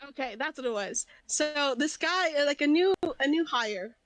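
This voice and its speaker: A woman's voice: sits high, animated, moderate pace, no echo, poor audio. A woman co-hosting a podcast, telling anecdotes in casual chat and laughing often. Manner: laughs often, chatty storytelling. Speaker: podcast co-host.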